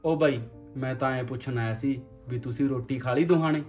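A man's voice: mid-range voice, brisk, a little mellow, lightly acted. A man playing a cheeky younger brother who teases his elder brother and sister-in-law, heard from a distance in a roomy room with music. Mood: teasing. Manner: teasing, cheeky. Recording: roomy film audio, distant mic, music.

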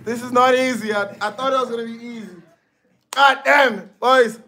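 A man commentating his own gameplay as a let's-play host, hyped and shouting, repeating phrases over and over. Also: extremely high pitch, fairly even intonation, normal speed. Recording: echoey room with loud game music and crowd sounds.

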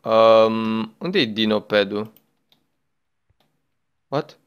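A man's voice: on the low side, clear, resonant tone, highs cut off. A young man chatting his way through a game as a gaming YouTuber, exclaiming often and talking to the game and a friend. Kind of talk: let's play commentary.

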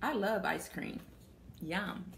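A young adult woman with a mid-range, gravelly but fairly bright voice reads a picture book to children, pausing to put questions to them. She takes it slowly with lively intonation, in a small plain indoor room with slight background noise.

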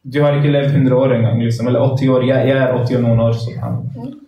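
A man with a medium-pitched, steady, dark-toned voice teaches boys a religious lesson in a large carpeted mosque room. Earnest and preachy, he repeats points for emphasis. A phone livestreams from across the room, giving an echoey, far-off sound.

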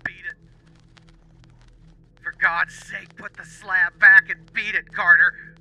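A man's voice: sits high, flat delivery, slow pace, sharp tone, no echo, soft background music, voice pushed up, exaggerated voice. A man doing a terrified whispering explorer on a phone line. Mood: frantic. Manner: shaky, fearful whispering that rises to frantic pleading.

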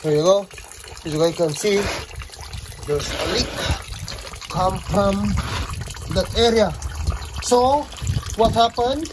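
Filipino man in his forties, trucker vlogger, unhurried and a bit high-voiced, phone-filmed over loud engine noise. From Philippines. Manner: plain, slightly broken English, talks to viewers while filming. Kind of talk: casual vlog narration. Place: truck cab and repair shop, winter. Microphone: handheld phone camera. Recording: phone audio with clear vehicle noise. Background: engine and vehicle noise.

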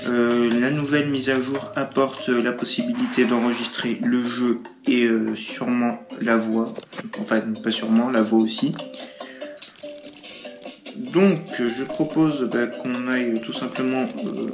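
A man's voice: medium pitch, level tone, measured pace. Joking French-speaking gamer guy, roomy sound. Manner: playful, jokey, frequent hesitations. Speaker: gaming YouTuber. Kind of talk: casual game commentary. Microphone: tablet mic through game-recording app. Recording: roomy sound over game music.

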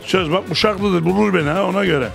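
An older male travel show host with a high voice, boisterous and jokey as he greets everyone. He speaks into a handheld mic in a busy restaurant while music plays clearly behind him. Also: quick pace. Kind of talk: lively roving interviews.

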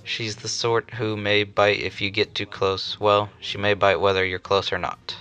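A gushing, theatrical grown man with bulging eyes, as a man puts him on for a fan anime dub. He dotes on the girl with over-the-top swoons. The voice is low and bright with a forceful edge. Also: little pitch movement, normal speed, clean tone, highs cut off, faint music behind. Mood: doting.

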